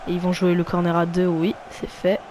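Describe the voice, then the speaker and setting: A man with a French accent giving casual play-by-play commentary of his football video game, calling out player names and getting loud when a goal comes. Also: high-pitched, completely flat delivery, fairly quick, a little hiss or hum. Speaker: gaming YouTuber.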